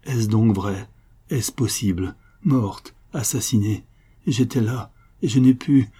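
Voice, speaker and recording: A man's voice: on the low side, slow pace, warm tone, breathy edge, heavily acted. A man voicing a grieving French nobleman, sobbing and crying out in frantic outbursts. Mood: anguished.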